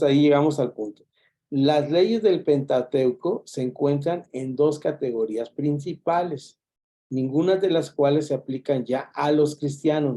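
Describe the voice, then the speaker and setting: A man lectures a Bible class in a very dark, mellow voice. He explains patiently, circling back to repeat his key points and often breaking off mid-word to restart. His pitch sits in an ordinary middle register. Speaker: Bible teacher.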